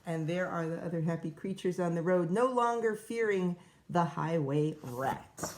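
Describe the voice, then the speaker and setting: This teacher's voice sits fairly low and moves at a normal speed as she reads a rhyming picture book aloud to her class. Her reading is expressive, broken up by casual asides that explain things to the children.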